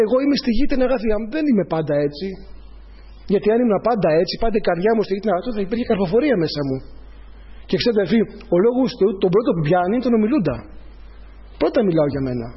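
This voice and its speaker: A man preaching an earnest sermon to his congregation, speaking plainly and telling personal stories, with a husky voice. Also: high-pitched, dull audio. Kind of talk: evangelical sermon.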